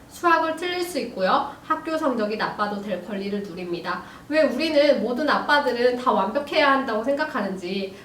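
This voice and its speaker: A woman teacher giving a recorded lesson to young students, talking gently and addressing them directly. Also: on the high side. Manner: gentle, addresses students warmly, frequent "ja" fillers. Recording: roomy, distant mic, faint hiss.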